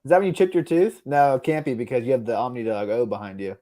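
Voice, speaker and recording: Fast-talking, mellow-voiced American man. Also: medium pitch. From United States. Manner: teasing, laughs a lot, explains things. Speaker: co-host. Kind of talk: casual chat.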